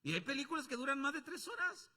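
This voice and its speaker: A man with a Mexican accent preaching a sermon as pastor, swinging from loud calls to low asides and acting out quoted voices. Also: very animated, fast talker. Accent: Mexican Spanish. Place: church.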